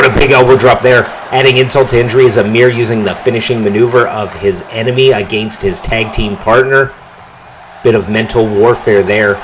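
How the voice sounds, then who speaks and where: A man calling a wrestling match play-by-play, his voice jumping up in pitch and volume on big moves and near-falls. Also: slight background noise, poor audio. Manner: excited calls that rise on big moves and pin counts. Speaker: wrestling commentator. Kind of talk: play-by-play commentary.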